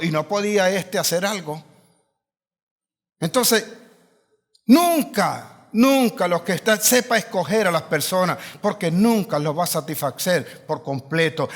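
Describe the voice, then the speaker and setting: A man's voice: sits high, fairly bright tone, big-room sound. A man preaching a sermon as pastor, driving his points home with repetition and rising emphasis.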